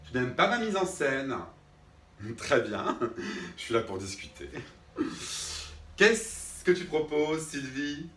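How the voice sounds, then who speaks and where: Slow and heavily acted, with long pauses, he delivers the exasperated drama teacher in a slightly high, very animated, pushed and bright voice. Patient at first, then irritated with his invisible students, he keeps checking "d'accord?" in this one-man sketch, recorded roomy and far off-mic.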